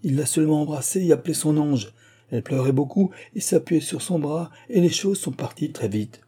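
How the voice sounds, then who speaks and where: A man's voice: a little high, brisk, warm tone, breathy edge, voice pushed up. A man doing an earnest, reproachful young son.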